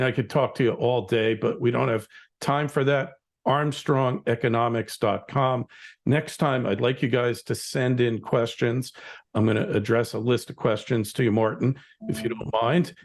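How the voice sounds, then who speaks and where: A middle-aged American man hosting an interview podcast, chatting in a rambling, opinionated way. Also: medium pitch. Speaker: podcast host. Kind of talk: conversational interview.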